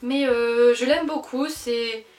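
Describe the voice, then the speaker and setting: A young woman chatting casually on her vlog about her doll collection, lively, with many fillers and self-corrections. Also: fairly high pitch, takes it slowly. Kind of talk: casual chat. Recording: echoey room.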